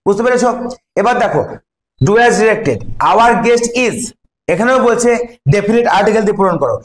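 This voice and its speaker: Man, Bengali accent, English teacher, high voice, echoey classroom. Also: lively intonation, moderate pace. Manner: explains step by step, quizzing students. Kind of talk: classroom grammar lesson.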